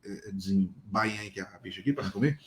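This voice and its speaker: A man co-hosting a casual podcast, sending quick, chatty shout-outs. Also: fairly low pitch. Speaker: podcast co-host. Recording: roomy sound, distant mic.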